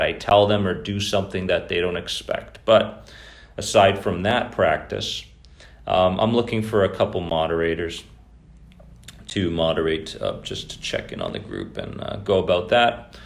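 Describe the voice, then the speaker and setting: A man hosting a live stream about anxiety recovery, talking loosely to viewers and greeting them by name. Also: lowish voice. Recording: echoey room.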